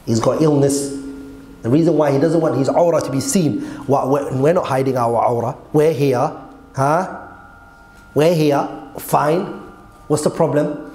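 A man's voice: a little high, a little mellow. Man lecturing, echoey room. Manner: emphatic, conversational, with rhetorical questions and check-ins to listeners. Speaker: Islamic teacher. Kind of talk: religious lecture explaining a text to a class. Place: seated at a desk in a hall indoors. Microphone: gooseneck desk microphone. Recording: echoey room with faint background noise.

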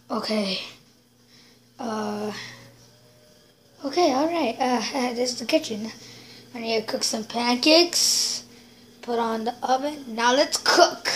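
A woman's voice: high voice, fairly bright tone. A woman narrating playful toy play in a rambling way, switching between silly voices.

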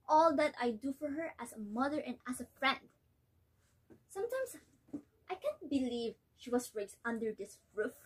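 A woman's voice: high-pitched, slightly rough, exaggerated voice. A woman playing an angry, wounded mother in a dramatic monologue, theatrical, indignant and despairing. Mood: bitter, exasperated. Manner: theatrical, indignant, despairing, with drawn-out words and cries. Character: exasperated, angry, wounded mother ranting to her husband. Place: small bedroom, indoors. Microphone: camera a few steps away.

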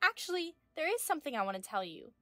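A woman's voice: sits high, sing-song, quick pace, pushed and bright, no room sound, soft background music, voice pushed up, full character voice. Woman voicing a smug young mistress. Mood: taunting. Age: 20s. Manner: mocking, condescending. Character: smug young female medical student mistress.

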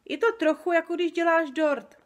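A woman's voice: very high-pitched, pitched above the performer's own voice. Woman putting on a friendly giant who jumbles words. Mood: explaining. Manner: slow, wondering, jumbled made-up words. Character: big kind male giant who mangles words.

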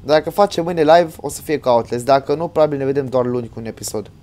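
A man streaming a horror game live, chatting with his viewers and yelping and shouting at every scare; he says he is tired from all the screaming. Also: medium pitch. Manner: jumpy, yelps and shouts when scared, talks to chat. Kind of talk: live gameplay commentary.

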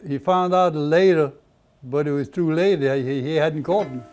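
An old man with a Louisiana Cajun accent and a slightly high voice talks in short, folksy phrases as he cooks and tells stories. Some kitchen noise sits behind him. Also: a little slow. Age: elderly, 70s or older. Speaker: home cook and storyteller. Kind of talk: casual cooking demonstration and storytelling. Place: home kitchen, indoors. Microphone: lapel microphone. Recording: clearly audible room and kitchen noise.

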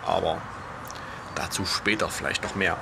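A young man talks in a hushed, almost whispered undertone. His voice sits fairly low and has a strong creak. He chats casually into a camera held at arm's length, outdoors with clear urban noise behind him. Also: normal speed. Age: young adult. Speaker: gaming vlogger. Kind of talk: casual vlog chat. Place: outdoors on an apartment balcony.

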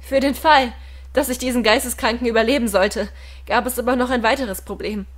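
A woman reading a first-person audiobook dramatically and emotionally, swinging from hushed, whispered passages to loud, strained ones. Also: a little high, steady tone, brisk. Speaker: audiobook reader.

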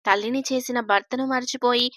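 A woman reading a serial story aloud in a gentle, expressive storytelling manner, close to the mic. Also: a little high, brisk, dry recording.

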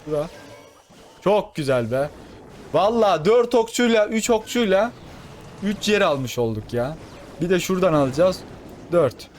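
A young man giving fast, excitable gameplay commentary, talking to his viewers like friends. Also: sits high, soft background music. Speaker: gaming channel host.

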